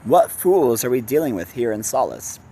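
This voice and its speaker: Sneering fat hobgoblin leader from a storybook, read in a man's own gravelly voice. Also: mid-range voice, big pitch swings, moderate pace, mellow, a little hiss or hum.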